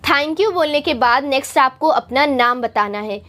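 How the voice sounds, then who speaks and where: A woman from India with a high voice teaches a spoken English lesson. She is patient and repeats her points for students. She draws out her English example phrases slowly and carefully. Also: lively intonation, fairly bright tone.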